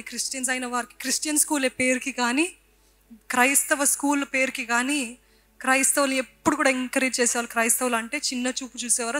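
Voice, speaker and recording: Telugu-accented woman preacher, fairly high voice, hammering points over and over. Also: pushed and bright. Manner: emphatic, repeating phrases, mixing in English lines. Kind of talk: sermon.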